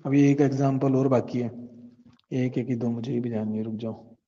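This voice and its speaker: A male teacher with an Indian accent, giving an online class and urging his students to answer quickly, mixing Hindi with English. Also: medium pitch, fairly even intonation, dark tone. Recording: dull echoey room sound.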